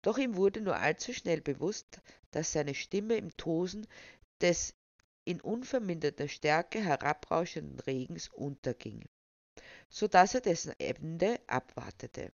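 A storyteller reads a humorous tale aloud in a steady, wry manner. The recording is dull and lo-fi, with a dry, close sound and no room echo. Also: mid-range voice, a little slow, creaky.

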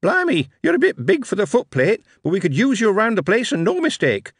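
A cheery young recruiter, as a male narrator puts him on, pitched well up and bouncing up and down in tone. He rattles along brisk and friendly, and every line is delivered dry and close to the mic. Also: wildly swooping pitch, husky, dry recording, exaggerated voice.

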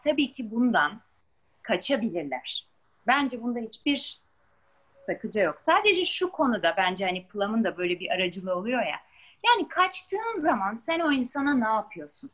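Brief: female host in a talk discussion, thoughtful explainer, slightly high voice. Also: very animated, moderate pace, fairly bright tone, poor audio. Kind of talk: conversational discussion.

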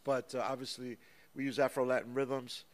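A man being interviewed as a guest musician, talking in a lively, storytelling way and counting rhythms out loud. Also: medium pitch, moderate pace. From United States. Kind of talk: casual interview. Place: small recording studio. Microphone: studio microphone.

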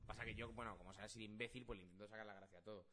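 A man's voice: lowish voice, racing, slight background noise. A man co-hosting a casual podcast chat, rambling and swearing as he tells stories. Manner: rambling, swears, animated when retelling. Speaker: podcast co-host.

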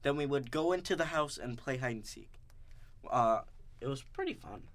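A man's voice: mid-range voice, expressive, moderate pace, a bit bright. A man co-hosting a podcast in casual chat, playful and teasing. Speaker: podcast co-host.

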